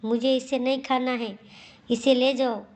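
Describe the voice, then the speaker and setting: A woman voicing a fussy, scolding older mother-in-law in a storybook tale, told in a slow, even voice. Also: high-pitched. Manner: nagging, complaining.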